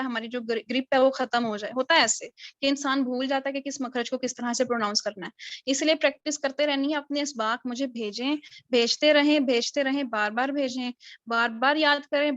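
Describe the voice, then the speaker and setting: A woman's voice: high-pitched, fairly bright tone, no room sound. A woman teaching a tajweed class over a video call, drilling letter sounds again and again. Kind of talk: online class lecture. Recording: dull lo-fi video call audio.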